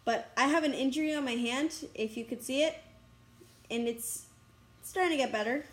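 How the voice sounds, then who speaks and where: A young woman in a casual vlog, rambling excitedly and breathlessly about her school day, recorded outdoors on a school campus. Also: high-pitched, moderate pace. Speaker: vlogger.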